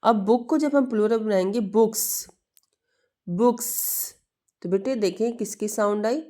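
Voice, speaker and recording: A woman's voice: fairly high pitch, normal speed, warm tone. A woman teaching an English lesson to students, patiently asking questions and answering them herself while mixing two languages. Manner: mixes Hindi-Urdu with English, calls students "beta". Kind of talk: classroom lesson explanation.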